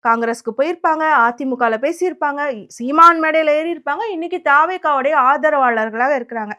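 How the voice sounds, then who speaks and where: A woman's voice: high voice, fairly quick, pushed and bright. A woman delivering a combative political commentary monologue, sarcastic and scornful, firing rhetorical questions at her target. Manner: sarcastic and combative, mockingly quoting opponents.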